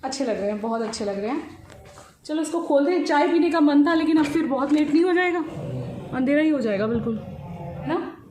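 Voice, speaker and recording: A woman's voice: high-pitched, animated, fairly quick, darkish tone, a little hiss or hum. A woman in her thirties chatting casually to the camera as a daily vlogger, mixing English words into her Hindi. She speaks into a handheld phone, first indoors at a resort and then outdoors on a scooter ride. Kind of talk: casual vlog narration to camera.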